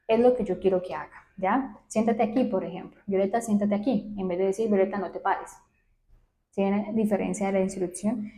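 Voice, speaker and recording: A young woman who is a child psychologist, with a soft, low voice, explaining to camera and checking in often with short tag questions. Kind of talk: educational talk to camera. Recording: roomy echo.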